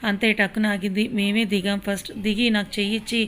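A woman reading a romance story aloud as storyteller, giving every character the same steady voice. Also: medium pitch, fairly quick.

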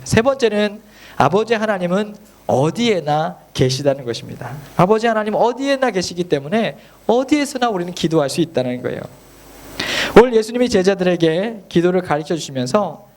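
A man's voice: high-pitched, sing-song, fairly quick, a little mellow. A male pastor preaching an earnest, emphatic sermon. He keeps turning to the congregation with rhetorical questions.

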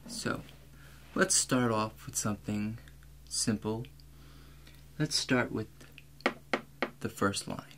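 Here a man in his twenties, fairly low in pitch, quietly portrays an examining doctor for an ASMR medical role play. His tone stays calm and measured while he gives the listener step-by-step directions. A small indoor space and a clear, unchanging hum frame the recording.

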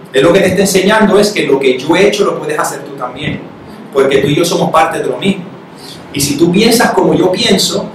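Male spiritual speaker, animated, fairly high voice, distant mic in an echoey hall. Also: slight background noise. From Spanish-speaking country. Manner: animated, acts out quoted voices with sudden rises. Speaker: spiritual talk facilitator. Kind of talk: spiritual talk to a live audience. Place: meeting room. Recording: echoey room, mic far off.

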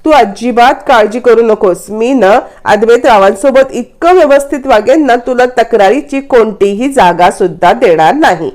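A woman's voice: on the high side, normal speed, hardly any pauses, a little mellow, lightly acted. A woman narrator voicing a playful, teasing young wife.

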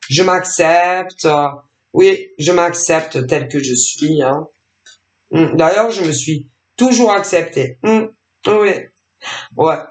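Slow and a little mellow, a low-voiced woman who runs a tarot and oracle channel rambles sarcastically to her subscribers, using many fillers. Allergies irritate her throat, so coughing keeps interrupting her, and the room echoes.

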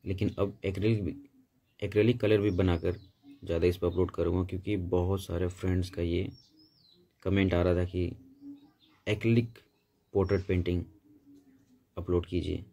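Low, mellow-voiced male painting instructor. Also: normal speed, long pauses. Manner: steady, patient step-by-step instruction. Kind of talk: tutorial voice-over explaining technique.

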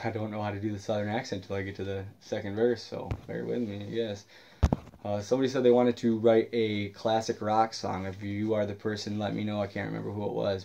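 A man's voice: on the low side, vocal fry, a little hiss or hum. A man introducing his own song in an offhand, rambling, self-deprecating way, as a singer-songwriter. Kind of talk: casual spoken intro between songs. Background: loud acoustic guitar playing.

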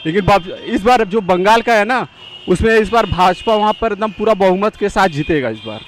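A man's voice: sits high, lively intonation, normal speed. A man stopped on a city street, giving an emphatic, repetitive, lecturing opinion to a reporter. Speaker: passerby interviewee. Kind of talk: opinionated street interview answer.

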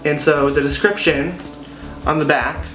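A young man co-hosting a casual comedic chat at home, rambling with playful deadpan banter. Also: fairly high pitch, measured pace, echoey room, soft background music. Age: young adult. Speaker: co-host. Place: home kitchen, indoors.

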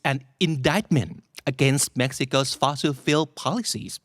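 A man hosting a podcast, explaining English vocabulary from news headlines in a lively, playful way. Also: mid-range voice, extremely slow, no room sound, clean studio sound. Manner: lively, slips into playful put-on quotes.

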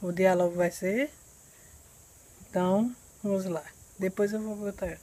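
A woman from Brazil teaching an English lesson outdoors, patiently repeating words slowly to drill pronunciation. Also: medium pitch, fairly even intonation, mellow, rough recording. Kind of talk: recorded language lesson.

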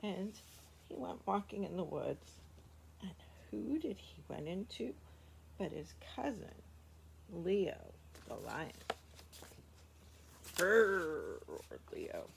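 Slow gravelly woman reading a storybook. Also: medium pitch, sing-song, slight background noise, rough recording. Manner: gentle, unhurried, with soft whispered asides. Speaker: preschool story reader.

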